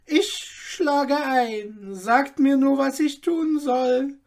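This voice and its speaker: Man putting on a high, strained old tailor, eager, haggling, storybook fairy tale. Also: very slow, exaggerated voice. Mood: shrewd. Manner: excitable, haggling.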